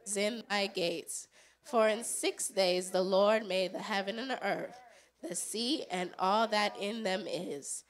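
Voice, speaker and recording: A woman steadily reciting a formal scripture passage. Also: on the low side. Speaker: scripture reader.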